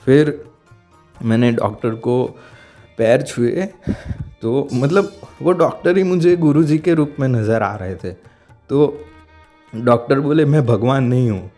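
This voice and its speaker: A man giving a heartfelt personal testimony, halting and searching for words as he speaks, with frequent restarts. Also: mid-range voice, expressive, warm tone, soft background music. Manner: earnest and heartfelt. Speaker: devotee sharing a testimony.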